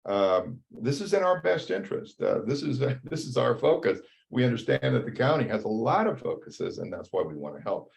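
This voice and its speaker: A man in his seventies giving an earnest, halting public comment over a video call. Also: mid-range voice, sing-song, vocal fry, dull audio. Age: 70s. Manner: halting, earnest, pressing to keep talking.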